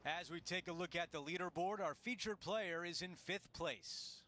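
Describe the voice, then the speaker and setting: Golf commentator, video game broadcast, slightly high male voice, measured, observant, faint background noise. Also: bright, forceful tone. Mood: measured commentary.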